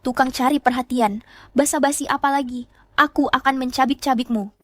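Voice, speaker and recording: A woman's voice: high-pitched, steady tone, fairly quick, dry recording, lightly acted. A woman dubbing a desperate, unhinged young ex-wife who swings between shrieking threats and begging. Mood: spiteful. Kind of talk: Indonesian drama dub.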